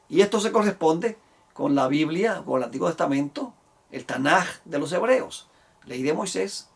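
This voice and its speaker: A man gives a Bible teaching in a fairly high, husky voice. He talks with strong emphasis and lifts his voice to drive points home. He sounds a little distant from the microphone. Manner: emphatic, rising for stress, acting out quoted voices.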